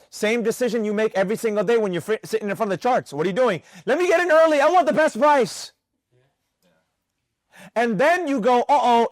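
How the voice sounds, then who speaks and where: A man teaching a live trading class, animated and constantly questioning the room. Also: sits high, no echo. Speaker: trading instructor.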